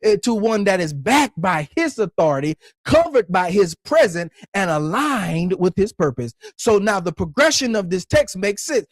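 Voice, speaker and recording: A man's voice: high-pitched, no room sound, studio quality. A man preaching an online sermon in a cadence, repeating and building his lines as he declares them.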